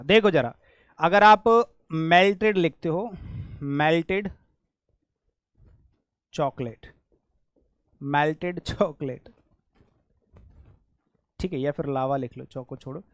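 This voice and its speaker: A man's voice: on the high side, slow, long pauses, no echo, clean studio sound. Indian man teaching grammar with quizzing questions. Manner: quizzing students with repeated questions. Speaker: English teacher. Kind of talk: classroom grammar lesson.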